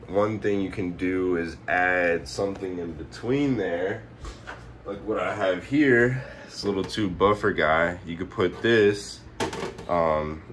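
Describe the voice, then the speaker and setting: A man's voice: low-pitched, a bit bright. A hungover man giving a casual, off-the-cuff how-to at home in a laid-back, rambling, slangy way. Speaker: presenter of a home stereo tutorial. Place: indoors at home, behind the camera. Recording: noticeable background noise, handheld home video.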